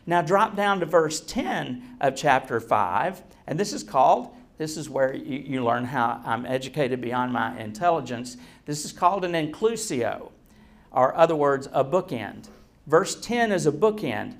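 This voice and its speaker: Man, sermon delivery, unhurried pace, a bit higher voice, self-deprecating humor, emphatic pauses. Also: sing-song. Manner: folksy, joking, self-deprecating; deliberate emphatic phrasing with pauses. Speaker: preacher. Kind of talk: sermon to a congregation.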